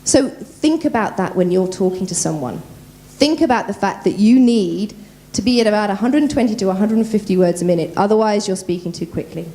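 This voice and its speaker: A woman voice coach giving a lively workshop at a conference, talking quickly and quizzing the audience. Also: medium pitch. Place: conference room.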